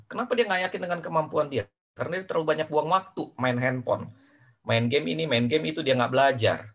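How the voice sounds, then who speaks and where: A man coaches parents in a lively question-and-answer session, his voice swinging up and down as he drives a point home. He is emphatic and repeats key lines, slipping in English phrases, and his pitch sits a touch high for a man. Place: online parents group session.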